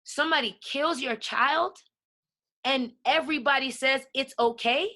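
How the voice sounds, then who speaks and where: A woman's voice: sits high, a little slow, pushed and bright. A woman guest on a podcast, talking passionately and emphatically, often checking in with "right?". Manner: emphatic, keeps asking "right?". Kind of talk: passionate conversation.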